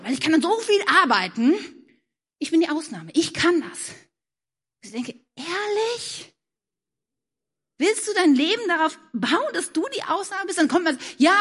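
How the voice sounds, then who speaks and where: A woman preaching a sermon, moving between animated questions and hushed, soft-spoken passages. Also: very high voice.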